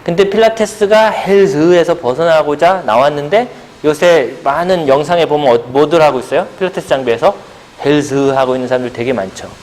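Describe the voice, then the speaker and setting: Middle-aged guy teaching a pilates seminar, slightly high voice, keeps asking then answering his own questions. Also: a little fast, darkish tone, slight background noise. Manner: rhetorical questions, answering himself; playful buzzer sound effects. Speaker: pilates instructor. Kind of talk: seminar lecture with audience questions. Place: seminar room.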